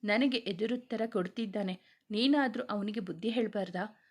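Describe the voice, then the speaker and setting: A woman's voice: medium pitch, moderate pace, close to an everyday voice. Woman voicing a spiteful middle-aged aunt. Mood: accusing.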